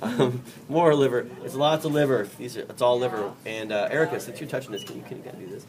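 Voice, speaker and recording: A man's voice: mid-range voice, quick pace, a crowd in the background. Jokey man teaching from across a classroom. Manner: jokey, chatty, quizzes the class. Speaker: biology teacher. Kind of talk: classroom dissection demonstration. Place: classroom with students present. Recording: distant mic in a noisy classroom.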